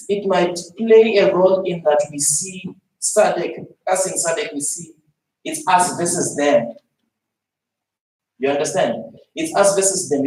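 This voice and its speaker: A man's voice: high voice, a little mellow. A young man, a student, giving hesitant but earnest remarks full of fillers at a panel discussion. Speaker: student speaking from the floor. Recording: echoey hall, far from mic, faint noise.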